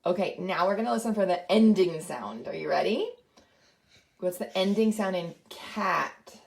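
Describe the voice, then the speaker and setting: A woman's voice: fairly low pitch, normal speed, creaky, darkish tone. A woman presenting early literacy lessons and playing patient, encouraging phonics games with her young daughter.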